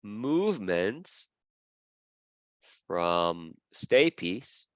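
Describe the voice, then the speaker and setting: Male lecturer, low voice, dry dull capture, keeps checking in with the class. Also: sing-song, very slow, fairly bright tone, dry recording. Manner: checks in often with "okay?" and "right?"; repeats key terms while drawing.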